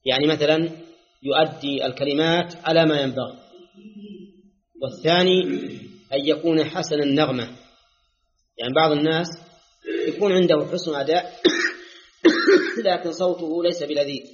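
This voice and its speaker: An older man giving a religious lesson, explaining points slowly and sounding out pronunciations himself. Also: fairly high pitch. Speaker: scholar teaching a classical text. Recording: dull lo-fi lecture recording.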